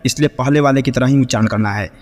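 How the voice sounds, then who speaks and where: A man teaching Vedic chanting, who explains pronunciation in quick bursts and then chants Sanskrit mantras slowly and melodically. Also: mid-range voice, long reverb tail. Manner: checks in often with short affirmations.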